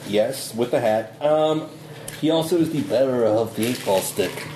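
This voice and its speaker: A man's voice: medium pitch, a little slow. A man playing a tabletop game, bantering casually with a playful, mock-grumpy manner. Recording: echoey room with clear background noise.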